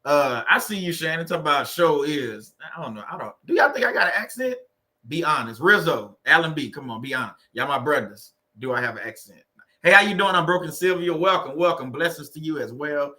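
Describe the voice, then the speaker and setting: Speaking a little fast with a Louisiana Southern drawl, this livestream host from Louisiana chats casually and teasingly, welcoming each viewer individually. His voice is bright and forward, pitched slightly above the typical male range.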